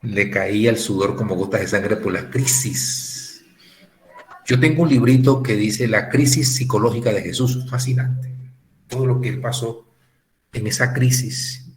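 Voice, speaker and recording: A man's voice: lowish voice, a little slow, a little hiss or hum. A man teaching a ministry course, lecturing with many rhetorical questions and acting out what people say. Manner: animated, rhetorical questions, acts out quoted remarks. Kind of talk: classroom lecture.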